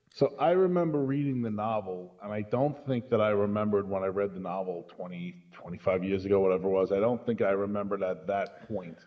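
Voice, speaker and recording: In dull audio, a middle-aged man with a fairly low-pitched voice joins a podcast as guest co-commentator for a casual film chat. He comes across blunt and emphatic, with a tendency to swear.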